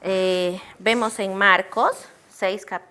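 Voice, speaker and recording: A woman's voice: medium pitch, steady tone, slow pace, pushed and bright, clear, resonant tone. A middle-aged woman teaching a church class on children's ministry, earnestly asking questions and answering them herself. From Peru. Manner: earnest, asks and answers own questions, addresses listeners as brothers.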